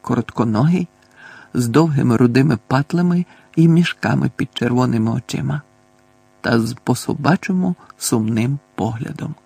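A man reading an audiobook in a calm storytelling manner. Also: mid-range voice, moderate pace, creaky, breathy edge, no echo. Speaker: audiobook narrator.

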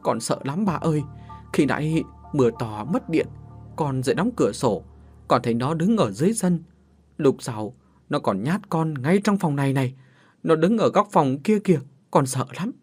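A man's voice: on the high side, expressive, normal speed, a little mellow, breathy edge, soft background music. A man voicing a terrified young woman who cries and pleads in a ghost story. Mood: sobbing fear. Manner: shrieking, sobbing pleas.

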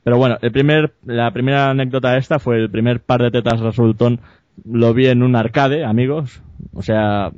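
Hombre español contando anécdotas con gracia. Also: male voice, medium pitch, steady tone, moderate pace, a little mellow. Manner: rambling, self-correcting, jokey and crude. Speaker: podcast host telling an anecdote. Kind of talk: casual storytelling chat. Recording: dull, dry lo-fi podcast audio.

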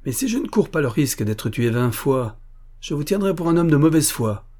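A man's voice: a little high, lively intonation, moderate pace, darkish tone, voice pushed up. A man doing a blustering hot-headed nobleman. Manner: blustering, challenging. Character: hot-headed young male nobleman craving danger.

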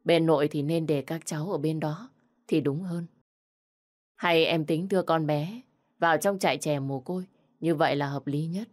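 A woman voicing an anxious old grandfather in a spoken story, hurried and worried. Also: deep voice, darkish tone, natural voice.

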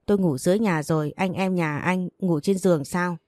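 A woman's voice: lowish voice, a little fast, darkish tone, no room sound, studio quality, lightly acted. A woman playing a blunt, defiant young wife. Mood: exasperated. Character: stubborn young wife who won't be bullied.

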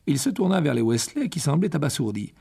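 A male audiobook narrator reading in a measured, expressive way. His voice is gravelly and a little husky, and it moves around a lot in pitch. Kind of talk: scripted narration.

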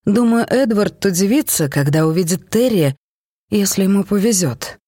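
Christina is a pale, worn-out young woman with a flat, lifeless delivery and a mocking edge, as a storybook reader plays her. The recording is close and dry. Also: medium pitch, normal speed, no room sound, close to an everyday voice. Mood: sardonic.

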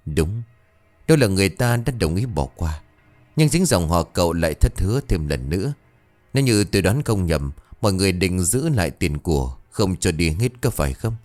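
A man voicing a stern old male village exorcist who speaks in a calm, instructive way, in an audio ghost story. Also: deep voice, normal speed, faint music behind. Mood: grave counsel.

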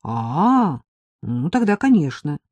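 A woman voicing a brisk, bossy young woman who talks bluntly and sardonically, in a mellow, dry-sounding audiobook read. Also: deep voice, big pitch swings, no echo, exaggerated voice.

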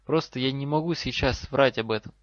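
A man's voice: medium pitch, brisk, dry recording, close to an everyday voice. A man voicing a defiant clever schoolboy. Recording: slightly dull lo-fi recording.

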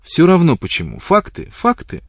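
A man's voice: a little high, wildly swooping pitch, normal speed, no echo, clean studio sound, pitched above the performer's own voice, exaggerated voice. Man doing a proud teasing young woman. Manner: challenging, sharp retorts.

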